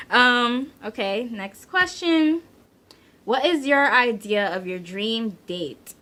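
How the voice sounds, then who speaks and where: A woman in her twenties from Central New Jersey with a light local accent, chatting playfully about herself in a casual vlog, laughing often and filling pauses with ums. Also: fairly high pitch, expressive, sharp tone. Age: 20s. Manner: says she is shy. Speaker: vlogger. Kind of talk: casual chat answering tag questions.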